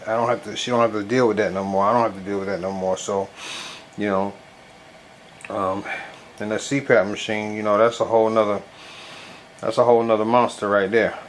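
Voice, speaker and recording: A man talking casually and haltingly in a home product review, with a stuffy nose as if packed with gauze. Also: on the low side, level tone. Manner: loose, colloquial, halting with frequent verbal tics. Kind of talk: casual rambling video review. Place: bedroom at home. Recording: noisy home recording, clear background noise.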